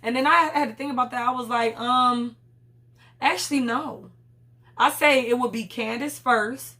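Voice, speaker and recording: A woman's voice: fairly high pitch, normal speed, bright, forceful tone. Blunt, profane woman recapping a reality show. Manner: candid, blunt, profane, rambling.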